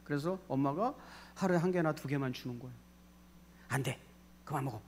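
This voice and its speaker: A man preaching from the pulpit of a church, with a slightly higher voice than most men. He is animated, acting out the voices he quotes and calling on the congregation to join in responses. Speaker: pastor. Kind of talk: sermon. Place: church sanctuary.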